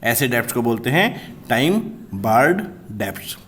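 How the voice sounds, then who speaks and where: A man teaching a commerce law class, explaining step by step and slowly repeating key terms, with terms. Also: medium pitch, very animated, fairly bright tone, a little hiss or hum.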